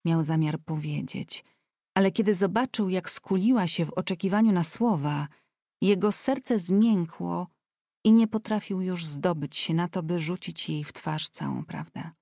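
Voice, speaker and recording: A woman narrating an audiobook in a measured, softly expressive way. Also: fairly low pitch, no echo, studio quality. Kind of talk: scripted narration.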